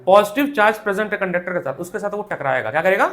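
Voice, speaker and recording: A young man with an Indian accent teaches a physics class to students in a classroom, posing questions and answering them himself. His voice sits high with a fairly bright tone, and he races along with lively intonation.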